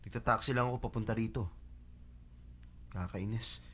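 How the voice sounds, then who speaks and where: A man's voice: fairly low pitch, steady tone, normal speed, a bit bright, breathy edge. A man dubbing the part of a blunt, protective rich young man in a drama. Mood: complaining. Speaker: dub actor. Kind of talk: Tagalog drama dub. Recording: dub with faint music underneath.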